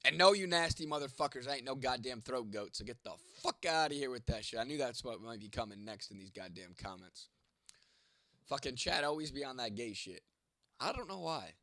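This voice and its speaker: A man's voice: mid-range voice, animated, a little fast, fairly bright tone, no echo. A young man hosting a casual livestream, rambling and swearing as he answers chat comments by name, with a sore throat and a cough. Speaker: livestream host reading chat.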